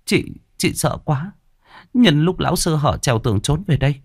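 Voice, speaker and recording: A man's voice: on the high side, animated, normal speed, husky, voice pushed up. A man doing a terrified young woman. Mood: frightened. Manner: breathless, frightened. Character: terrified young woman fleeing her murderous husband's house.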